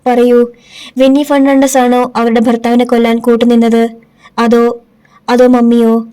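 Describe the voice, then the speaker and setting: A woman voicing a young daughter who speaks quietly but firmly, accusing and defiant. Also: fairly high pitch, flat delivery, moderate pace, clear, resonant tone, natural voice.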